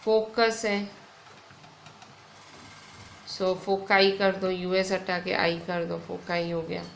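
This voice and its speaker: Indian woman teacher, slow and gravelly, echoey room: patient lesson delivery. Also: lowish voice, little pitch movement, a little hiss or hum. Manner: slow, patient explaining with frequent "theek hai". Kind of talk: online grammar lesson. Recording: echoey room with faint ambience.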